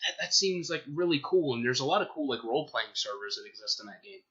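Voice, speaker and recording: A young Southern guy co-hosting a podcast rambles profanely in casual chat, restarting a lot. His medium-pitched voice is expressive, sharp and husky, and he talks fast; the recording is dull, lo-fi podcast audio.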